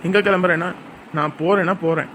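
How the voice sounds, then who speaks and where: A woman's voice: lowish voice, fairly even intonation, quick pace, fairly bright tone, slight background noise, close to an everyday voice. A woman voicing a stubborn grown son who brushes off his mother's worry. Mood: dismissive. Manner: dismissive, brushing off concern. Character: stubborn grown son hurt, proud, leaving home.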